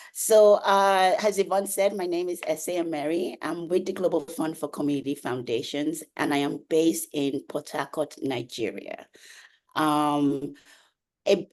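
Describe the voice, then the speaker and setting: Panel guest, a woman with a very deep voice, speaking over a video call and explaining earnestly. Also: darkish tone. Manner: earnest, with frequent um and uh fillers. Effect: heard over a video call. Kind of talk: webinar self-introduction. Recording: remote call audio.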